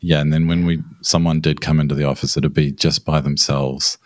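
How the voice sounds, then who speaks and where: A man's voice: very deep voice, little pitch movement, brisk, dry recording, clean studio sound. A man hosting a podcast, chatting casually and friendly with his guest and reacting with short interjections. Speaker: podcast host.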